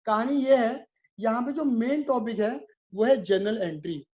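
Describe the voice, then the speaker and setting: A man's voice: extremely high pitch, measured pace, darkish tone. A male commerce teacher giving a video lecture. He talks in a repetitive, drilling way, asks his students questions, answers them himself and calls them "my son".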